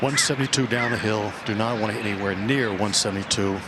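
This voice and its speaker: A man's voice: lowish voice, fast. A man giving on-course golf commentary, describing shots in clipped, colloquial phrases. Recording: very noisy outdoor course microphone.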